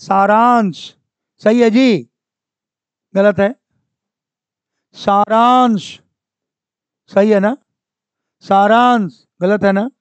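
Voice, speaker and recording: A man's voice: sits high, fairly even intonation, takes it slowly, pauses often, smooth, no room sound. A man teaching an exam-prep class, who repeats each word and keeps asking the class for answers. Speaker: Hindi grammar teacher. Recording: dry, dull lo-fi sound.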